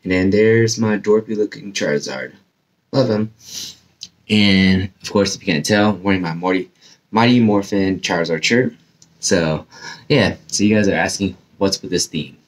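A young man with a deep, low voice chats his way through a casual unboxing vlog. His speech is loose and full of fillers, and his mouth is a little numb from dental surgery, so some words come out slightly slurred. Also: normal speed. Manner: chatty, rambling with many fillers. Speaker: YouTube host.

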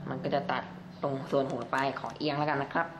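A man's voice: mid-range voice, flat delivery, fast talker. Chatty man reviewing toys, echoey room. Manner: chatty, repeats polite particles. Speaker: toy reviewer. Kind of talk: casual toy review vlog. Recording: echoey room, faint background noise.

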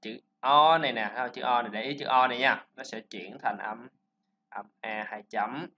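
A man teaching a pronunciation lesson, explaining sounds and repeating words slowly for learners to copy. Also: medium pitch, sharp tone, a little hiss or hum. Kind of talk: classroom-style pronunciation lesson. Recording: slightly dull lo-fi recording.

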